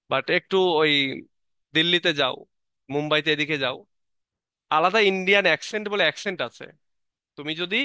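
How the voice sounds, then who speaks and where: Bright-voiced Bangladeshi man teaching. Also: a little high, smooth, no room sound. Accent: Bangladeshi Bengali. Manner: reads English lines slowly, then explains them conversationally; frequent fillers and self-corrections. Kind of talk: lecture explaining an English text in Bengali.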